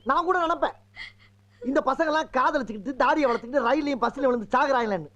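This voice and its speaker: A boastful lovesick village clown. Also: male voice, extremely high pitch, quick pace, bright, forceful tone, muffled recording. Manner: exclamatory, rambling comic banter. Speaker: comic actor in a film. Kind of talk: Tamil film comedy scene.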